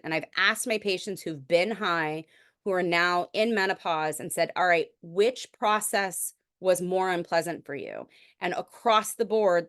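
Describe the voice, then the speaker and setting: This recorded medical lecture features a middle-aged female doctor with a fairly low, slightly bright voice. She explains things conversationally and frequently starts over mid-thought.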